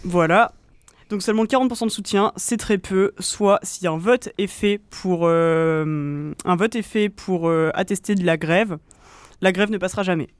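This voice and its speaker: Une jeune femme, co-animatrice d'une émission de radio, qui explique un sujet en hésitant souvent. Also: female voice, lowish voice, a little slow, dry recording. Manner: hesitant, many fillers. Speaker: co-host. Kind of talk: radio show presentation.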